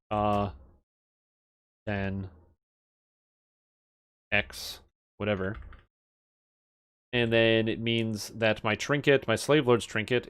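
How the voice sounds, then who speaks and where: A man with a lowish, clear, resonant voice gives casual live commentary while streaming a game. He thinks aloud, muttering through item stats and details, and swears now and then.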